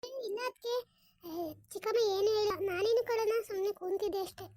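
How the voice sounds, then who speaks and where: A woman's voice: very high voice, fairly even intonation, a little fast, a little mellow. A woman voicing a tearful, meek young unmarried village woman in a cartoon, pleading and denying. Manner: pleading, denying, repeats "akka". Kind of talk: cartoon voice acting.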